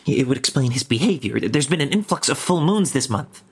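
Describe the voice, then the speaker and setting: A jittery young detective played by a man who trips over his words and stops and starts. His husky voice jumps up and down in pitch. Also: expressive, a little fast. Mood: anxious. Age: young adult. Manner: stammering, hesitant. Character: nervous young male junior detective.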